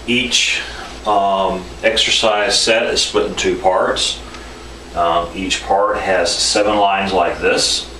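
Very deep-voiced man teaching, echoey room. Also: pushed and bright. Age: middle-aged. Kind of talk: informal instructional demonstration. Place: small indoor room at a whiteboard. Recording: echoey room, distant mic, faint noise.

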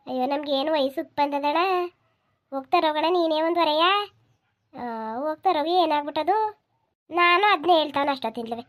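A woman voicing a busy, sharp-tongued village housewife in a comedy cartoon, speaking in a scolding, sing-song way. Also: high voice, fairly quick, long pauses, natural voice. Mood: chatty.

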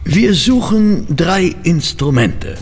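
An actor playing a courteous, sceptical doctor, the detective's loyal companion, in a German audio drama. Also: male voice, high voice, very animated, slow, breathy edge, heavily acted. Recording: long hall reverb.

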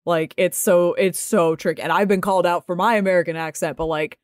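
Animated woman with dry close sound. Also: lowish voice, no echo. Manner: animated, opinionated, quick asides. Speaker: podcast co-host. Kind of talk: casual chat.

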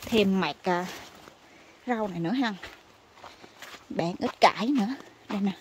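A woman from Vietnam, chatting excitedly to her viewers as she picks vegetables in her home garden outdoors. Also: mid-range voice, measured pace, slight background noise. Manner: chatty and exclamatory, calls viewers family. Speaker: gardening vlogger. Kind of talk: casual chat to viewers while harvesting.

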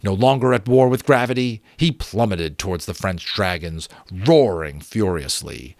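A man in his thirties, working as an audiobook reader, performs an adventure novel expressively into a close desk microphone in a small home room lined with bookshelves, stumbling slightly now and then. His low, somewhat mellow voice is animated and moves at normal speed, with no room sound.

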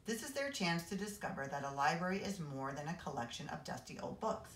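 Low, animated woman reading aloud. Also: brisk, slight background noise. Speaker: assistant principal reading aloud. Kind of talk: reading a children's novel aloud. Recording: roomy echo.

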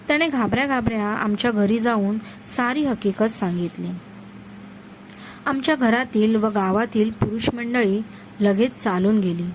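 A woman storyteller reading a classic story aloud in a measured, expressive way. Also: medium pitch, a little hiss or hum, low-quality recording.

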